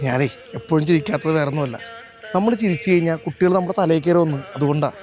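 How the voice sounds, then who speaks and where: A man's voice: on the high side, quick pace, darkish tone, soft background music, close to an everyday voice. An actor playing a stern, cautious male schoolteacher, lecturing in a matter-of-fact way.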